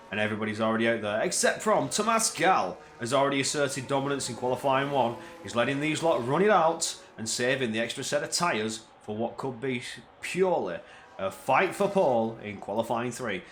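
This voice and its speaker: On a solo live stream, a man calls a race with lively play-by-play that climbs in pitch when things get tense, filling quiet spells with chatty asides. The audio is roomy and carries a little hiss or hum.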